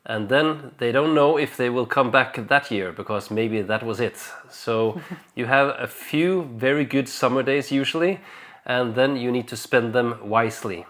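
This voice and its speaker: A young man speaking in a relaxed, easygoing way. His voice sits at an ordinary middle pitch. He often pauses on fillers and starts sentences over, as in an unscripted chat for a vlog. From Denmark. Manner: relaxed, hesitant, with frequent fillers and restarts. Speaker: vlogger. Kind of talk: casual conversational vlog chat.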